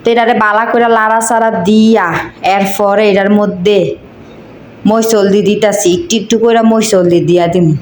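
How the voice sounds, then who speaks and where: A woman's voice: mid-range voice, fairly even intonation, moderate pace, darkish tone. Woman from cumilla, thick local dialect, chatty cooking talk, echoey kitchen, bit of noise behind. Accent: Cumilla Bengali dialect. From Cumilla, Bangladesh. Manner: chatty, talks to viewers as friends while cooking. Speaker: cooking vlogger. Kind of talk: casual cooking narration.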